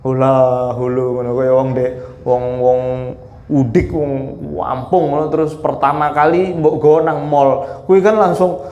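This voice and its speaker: A man preaching in a relaxed, storytelling way. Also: medium pitch, measured pace, lo-fi sound, soft background music. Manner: relaxed, chatty, mixes in laughs. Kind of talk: sermon storytelling.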